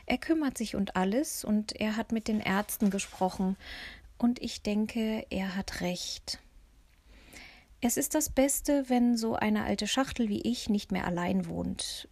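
A woman reading an audiobook, voicing a spirited, sharp-tongued old lady who speaks bluntly and matter-of-factly. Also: medium pitch, creaky, dry recording.

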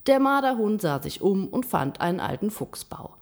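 A woman reading a fable aloud in a measured, expressive way. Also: medium pitch, gravelly. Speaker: storyteller. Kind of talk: reading a children's story aloud.

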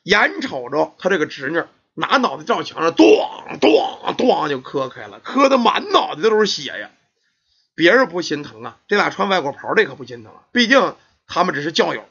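Animated storyteller. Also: male voice, a little high, normal speed, vocal fry, breathy edge. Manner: animated, colloquial. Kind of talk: oral folk tale storytelling. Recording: dull lo-fi recording.

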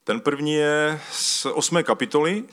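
A man's voice: a little high, fairly bright tone. Man preaching a conversational sermon. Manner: conversational, calls for slides mid-talk; uses loose spoken fillers and restarts. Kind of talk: sermon with scripture reading.

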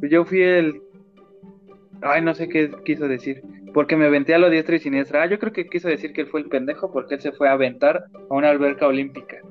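A man's voice: on the high side, steady tone, quick pace, dull audio, faint music behind. A man with a Mexican accent telling stories in casual chat with crude slang. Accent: Mexican Spanish.

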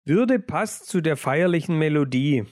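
A man voicing a strong, bossy male mouse leader in a storybook reading, speaking slowly and sternly. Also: on the high side, animated, a little mellow, no echo, clean studio sound.

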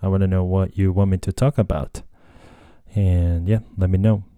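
A man's voice: low voice, steady tone, normal speed, dark tone, clear, resonant tone, no room sound. A young Japanese man with a Japanese accent hosting a casual solo podcast, talking hesitantly with many fillers and self-corrections. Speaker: podcast host. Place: Tokyo, Japan.

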